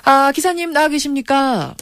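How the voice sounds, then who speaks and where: A woman's voice: high-pitched, normal speed, fairly bright tone. A woman radio news host interviewing in an inquisitive, emphatic manner. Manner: inquisitive, emphatic, reacting with surprise. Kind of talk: broadcast interviewing.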